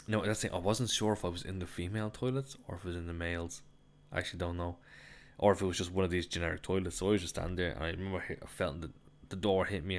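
An Irish man telling a travel story to camera in a casual, chatty way, swearing freely and laughing at his own mishaps. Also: low-pitched. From Ireland. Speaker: travel vlogger.

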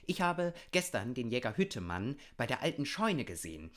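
A man voicing a fast, eager male hare in a children's storybook. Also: medium pitch, big pitch swings, fairly bright tone, pitched above the performer's own voice. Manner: eager, quick. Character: quick excited little male hare.

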